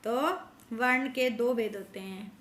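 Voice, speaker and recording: A woman's voice: on the high side, takes it slowly, a bit bright. Patient woman teacher in an echoey room. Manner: explains patiently, repeats and stretches sounds to demonstrate. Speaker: school teacher. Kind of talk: classroom grammar lesson. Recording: echoey room with faint ambience.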